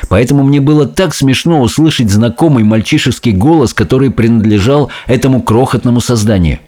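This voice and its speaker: A man's voice: medium pitch, fairly quick, dark tone. A man narrating a children's story in the first person, reading expressively. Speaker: audiobook reader.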